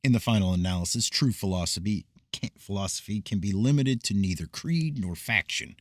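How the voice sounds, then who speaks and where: Low-voiced man reading esoteric text. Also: no echo. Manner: measured, formal reading with occasional stumbles. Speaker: reader of esoteric texts. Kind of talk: reading a book aloud. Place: cold room.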